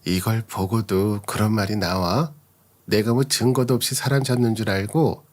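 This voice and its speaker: A man's voice: lowish voice, fairly even intonation, moderate pace, darkish tone, close to an everyday voice. A man voicing a betrayed young wife who confronts her husband with cold sarcasm. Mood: scornful.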